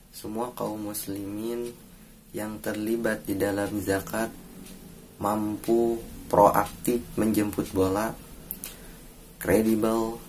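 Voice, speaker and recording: A young man with an Indonesian accent, presenting a course assignment in a formal, earnest, measured way, pausing between phrases. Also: fairly low pitch, slight background noise. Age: young adult. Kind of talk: read-aloud presentation.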